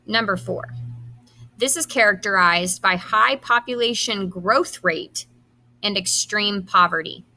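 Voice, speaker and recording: Reading quiz questions and answer options to her students, a high school teacher sets out each item deliberately in an instructional manner, adding short instructions. Her voice is bright and crisp-edged at an average pitch for a woman, though the audio quality is poor.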